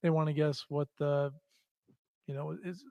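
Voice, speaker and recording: A man's voice: fairly high pitch, fairly even intonation, a little slow, vocal fry, no echo, lo-fi sound. A middle-aged man chatting and bantering casually as co-host of a talk show.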